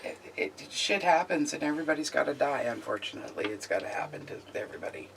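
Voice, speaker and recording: Canadian mom as a guest: gravelly, animated delivery, blunt dark humor. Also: female voice, sits low, fast, a little hiss or hum. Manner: candid, wry gallows humor. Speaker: guest, mother of a guest. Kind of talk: casual chat. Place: home living room.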